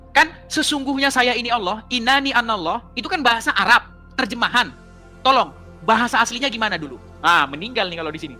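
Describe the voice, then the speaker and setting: A woman's voice: a little high, bright, forceful tone. A woman arguing in a heated debate, mocking her opponent and laughing as she presses her points.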